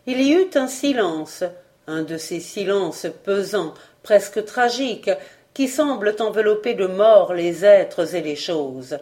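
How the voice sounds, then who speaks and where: A woman reading a novel chapter aloud as an audiobook narrator, with measured, expressive delivery. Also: medium pitch. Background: faint background music.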